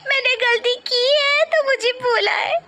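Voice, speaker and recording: A woman's voice: high-pitched, fairly quick, noisy background, lightly acted. A woman voicing a young, tender-hearted daughter-in-law in a cartoon story, speaking politely and apologetically. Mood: tearful.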